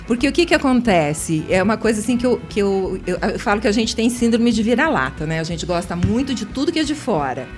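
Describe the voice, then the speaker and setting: A woman at an average pitch, telling a story as a guest on a radio talk show. She talks in a lively, animated way, laughs often and acts out the people she describes. She speaks into a studio microphone, with faint music playing behind her. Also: brisk, hardly any pauses. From Brazil. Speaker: interview guest, writer and singer.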